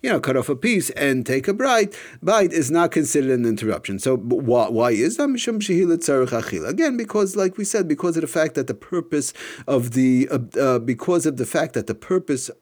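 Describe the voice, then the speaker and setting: A man's voice: a little high, big pitch swings, a little fast, darkish tone. A man giving an informal religious lesson, explaining a text and often rephrasing his points as a teacher.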